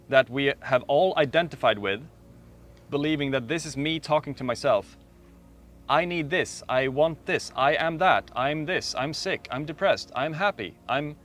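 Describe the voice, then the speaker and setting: A man speaking as a meditation teacher, guiding a slow, calm meditation with long pauses. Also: a little high. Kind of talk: guided meditation talk.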